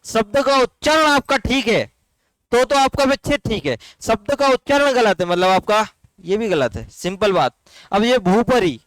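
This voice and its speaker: A man teaching a Hindi grammar class, slowly drawing out and repeating words for his students, with a Rajasthani Hindi accent. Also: high-pitched, a bit bright, no room sound.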